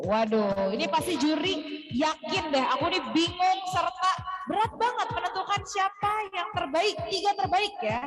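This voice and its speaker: A woman's voice: very high-pitched, animated, normal speed. A woman hosting a live event, bubbly and teasing in banter with her co-host. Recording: loud music behind. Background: loud band music.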